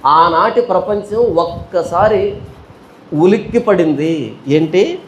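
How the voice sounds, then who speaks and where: A man's voice: high voice, moderate pace, slight background noise. A male pastor teaching a Bible study sermon, asking rhetorical questions and repeating them, with everyday storytelling examples.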